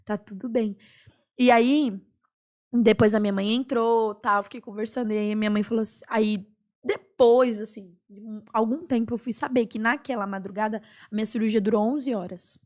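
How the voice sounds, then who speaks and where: Young brazilian woman on a podcast, earnest testimony, lots of pauses and "é"s. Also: on the high side, steady tone, darkish tone. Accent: Brazilian Portuguese. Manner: earnest storytelling with many pauses and fillers. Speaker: podcast guest. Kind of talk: personal testimony in a podcast chat.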